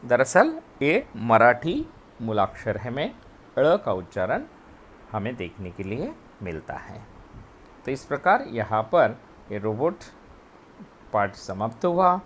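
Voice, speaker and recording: A man teaching a grammar lesson, explaining letters and sounds slowly, step by step. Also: mid-range voice, wildly swooping pitch, a little hiss or hum. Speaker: Hindi teacher. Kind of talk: recorded classroom lesson.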